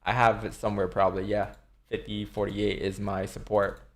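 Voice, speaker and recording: On a livestream, a day trader in his twenties chats casually and responds to viewers' questions, relaxed and swearing from time to time. His voice is on the low side with little pitch movement, at a normal speed.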